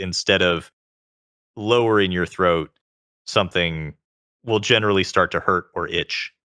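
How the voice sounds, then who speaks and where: A self-taught singer appears as a guest in a conversational interview, speaking in a very low voice edged with vocal fry and a forceful, bright tone. He explains things in a measured way, adding qualifications as he goes, and the sound is close and dry with no echo.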